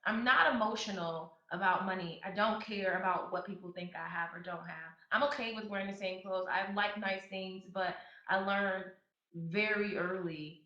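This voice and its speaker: A mid-range voice with a sharp tone, at normal speed, belongs to a podcast host in her 30s. She talks casually, with fillers and restarts, and gets emphatic when advising. Echo and a slightly dull quality mark the recording.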